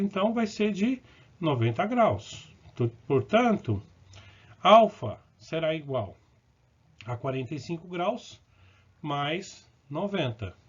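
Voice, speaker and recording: A man with a slightly high, somewhat rough voice teaches math in a recorded lesson, working through problems step by step. He corrects himself along the way and checks in briefly with the viewer, and the recording is dull and lo-fi.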